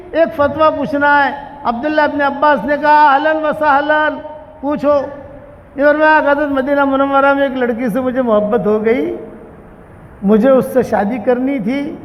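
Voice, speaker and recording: A male preacher tells a story from the pulpit, his voice pitched very high. He is animated and slips into the characters' dialogue. The recording is dull and carries the long reverb of a big hall. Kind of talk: storytelling sermon.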